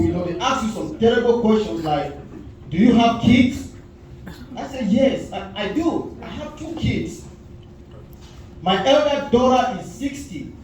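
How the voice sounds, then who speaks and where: Heard from afar in an echoey club recording with a little hiss or hum, a Cameroonian stand-up comedian in his forties delivers stories in a high voice and Cameroonian accent. He brings quoted lines to life with lively voicing during his set on the comedy club stage.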